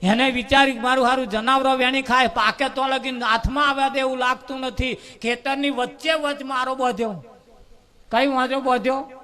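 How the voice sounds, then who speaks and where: A man telling a humorous parable at a devotional gathering, lively and fond of drawn-out repetition. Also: very high-pitched. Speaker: devotional storyteller at a bhajan gathering.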